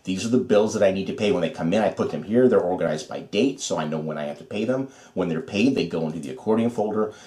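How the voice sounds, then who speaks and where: A man's voice: deep voice, fast, hardly any pauses, dark tone, roomy sound. A man co-hosting a podcast, giving folksy, repetitive advice in casual chat. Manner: folksy, advice-giving, repeats himself with restarts. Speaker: podcast co-host.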